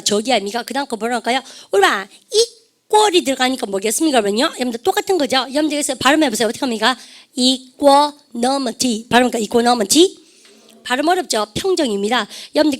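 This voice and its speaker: A woman teaching English vocabulary to a class, lively and chatty, often calling out to her students and drilling English words aloud. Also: sits high. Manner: lively, repeats "여러분들", asks the class questions; refers to herself as "쌤". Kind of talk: lecture to a class.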